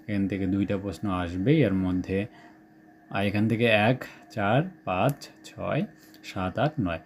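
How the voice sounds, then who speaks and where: A man's voice: on the low side, dark tone, slight background noise. A young man with a Bangladeshi Bengali accent, talking students through exam prep questions and checking in often. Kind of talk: screen-share exam suggestion walkthrough.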